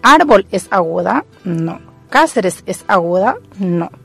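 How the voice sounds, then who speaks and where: A woman's voice: mid-range voice, lively intonation, takes it slowly, creaky, husky, soft background music. A woman teacher working methodically through exercises, thinking aloud as she goes. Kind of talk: recorded classroom lesson.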